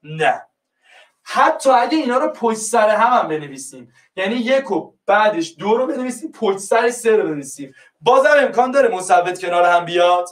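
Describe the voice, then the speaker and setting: A man's voice: high-pitched, animated, roomy sound, distant mic. A man teaching a class, coaxing his pupils and repeating each prompt until they answer. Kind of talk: online class lesson.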